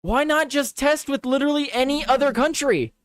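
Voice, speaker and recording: This livestream host is a young man with a very high-pitched, brisk, slightly bright voice, recorded dry. Reading headlines in a casual live news quiz chat, he stays chatty and reactive, swearing and repeating himself.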